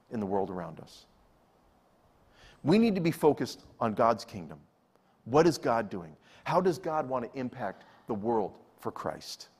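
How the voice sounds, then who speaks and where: Animated preaching pastor, man. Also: mid-range voice, slightly rough. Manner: animated storytelling, acts out quoted lines; repeats key phrases for emphasis. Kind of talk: sermon.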